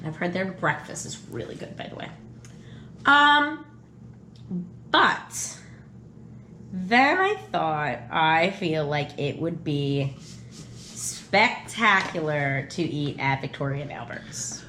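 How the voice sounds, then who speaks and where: A woman co-hosting a casual question game, chatty and thinking aloud with frequent pauses. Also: deep voice, lively intonation, sharp tone. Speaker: channel co-host answering questions. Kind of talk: casual chat. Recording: echoey room with faint noise.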